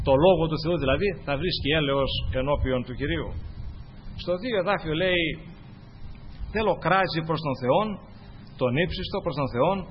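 A man preaching a sermon to his congregation, climbing to loud, fervent peaks and then dropping low and quiet. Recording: dull lo-fi recording with faint hiss.

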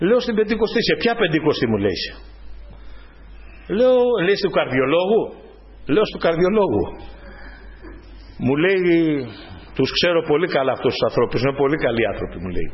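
A man with a high voice delivers a fervent sermon. He keeps turning to his congregation with direct appeals and stories from his own life. The recording sounds dull and lo-fi. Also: very animated. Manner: fervent, repeatedly addressing the congregation as brothers. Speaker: preacher. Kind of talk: sermon with personal testimony.

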